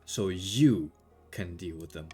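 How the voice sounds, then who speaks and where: A man voicing a stern, aloof male storm wizard who makes measured, solemn pronouncements. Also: low voice, dark tone, slightly rough, faint music behind, exaggerated voice.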